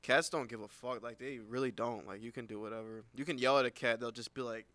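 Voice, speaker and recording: A man's voice: mid-range voice, fairly even intonation, fast talker, bright, forceful tone. A young man co-hosting a casual podcast chat, rambling with lots of "like" fillers and frequent laughs. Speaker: podcast co-host.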